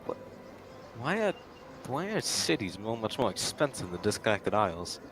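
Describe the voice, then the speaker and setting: A man's voice: on the low side, very animated, normal speed. A man chatting casually as a player in a tabletop game. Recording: clear background noise.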